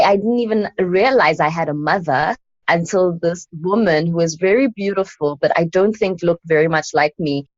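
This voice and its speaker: A woman in her thirties with a notably low voice talks reflectively as an interview guest, pausing on soft fillers as she thinks aloud. The recording is dull and lo-fi, and it sounds dry and close. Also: dry recording. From South Africa. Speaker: guest, anthropologist and poet. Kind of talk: casual interview conversation.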